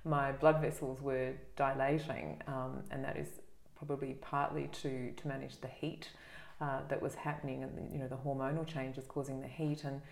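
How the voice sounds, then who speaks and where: Low-voiced woman host, gentle and reflective. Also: flat delivery, moderate pace, creaky, echoey room. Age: middle-aged. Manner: gentle, reflective, with many ums and uhs. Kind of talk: conversational interview.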